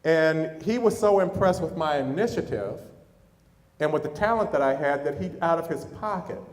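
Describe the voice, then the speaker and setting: A middle-aged pastor preaches in a storytelling way, his voice a little higher than most men's. He talks straight to the congregation, and the sound rings out in a big hall with a long reverb. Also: expressive, normal speed. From United States. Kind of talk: sermon.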